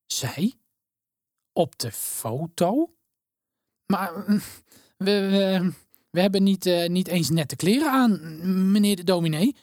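A woman's voice: fairly high pitch, expressive, moderate pace, a little mellow, dry recording, studio quality, voice pushed up. A woman voicing an eager, timid young girl who stammers and pleads hopefully. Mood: flustered.

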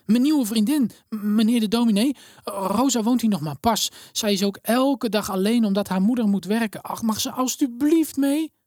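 A woman's voice: fairly high pitch, normal speed, darkish tone, no room sound, studio quality, voice pushed up, natural voice. A woman voicing an eager, timid young girl who stammers and pleads hopefully. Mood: pleading.

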